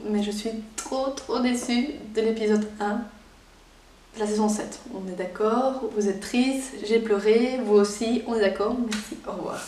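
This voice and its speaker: A woman's voice: a little high, a little slow. Young Belgian woman vlogger, Belgian French accent, eager and rambling, distant mic, roomy echo. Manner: chatty and excitable, many fillers. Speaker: YouTuber. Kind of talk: casual unboxing vlog. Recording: echoey room, voice somewhat off-mic.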